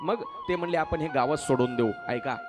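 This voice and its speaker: A man's voice: fairly high pitch, normal speed, noisy background. A male devotional preacher telling a sacred story in a sermon, questioning his listeners and sometimes breaking into song. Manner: exhorting, questions the audience and answers.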